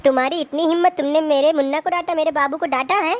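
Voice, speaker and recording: A man's voice: very high voice, fast talker, fairly bright tone, dry recording. A man voicing a bossy young wife who dotes on her little brother-in-law and scolds her husband. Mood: doting, scolding. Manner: scolding, fussing, domineering. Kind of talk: comedy sketch acting.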